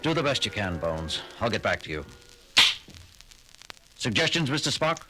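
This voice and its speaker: A commanding starship captain in an audio drama, clipped and emphatic. His pitch swings widely as he presses his crew, with loud music behind him. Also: big pitch swings, moderate pace, low-quality recording. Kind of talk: 1970s audio drama acting.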